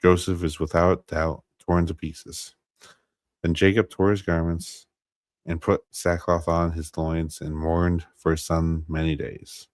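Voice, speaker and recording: Low, flat-voiced American man reading scripture. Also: no room sound. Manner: halting, many fillers and restarts, unsure of pronunciations. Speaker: Bible study streamer. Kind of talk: casual Bible teaching and scripture reading.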